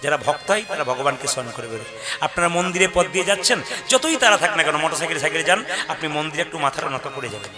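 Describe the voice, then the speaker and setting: Kirtan preacher, male, slightly high pitch, folksy direct address, live over clear music. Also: expressive, quick pace. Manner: folksy, addresses audience directly, acts out dialogues. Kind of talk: devotional kirtan sermon with singing.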